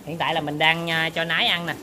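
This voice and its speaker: A man's voice: a little high, level tone, quick pace, noisy background. A man casually talks viewers through work in his pig barn, often turning to address them. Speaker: pig farmer vlogger. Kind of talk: casual on-farm demonstration.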